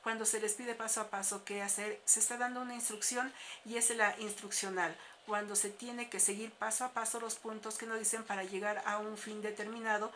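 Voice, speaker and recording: A woman, a teacher explaining a class lesson in a steady, explanatory way with frequent filler sounds. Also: mid-range voice, brisk, a little hiss or hum.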